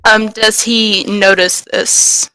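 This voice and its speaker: A woman's voice: medium pitch, level tone, takes it slowly, sharp tone, poor audio. A woman playing in a tabletop game, chatting casually and asking about the rules. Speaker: player.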